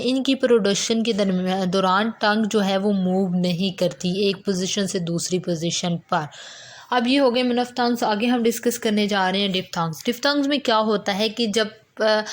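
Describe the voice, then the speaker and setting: A woman with a Pakistani accent teaching English phonetics in a lecture, explaining terms step by step and mixing English words into her talk. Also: mid-range voice.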